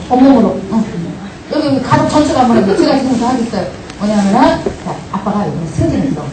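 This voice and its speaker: Lively female lecturer, high voice, animated delivery acting out family scenes, distant mic in a roomy, noisy hall. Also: fast talker. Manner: animated, acts out family dialogues with the audience. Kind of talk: lively lecture to a live audience. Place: large hall with audience.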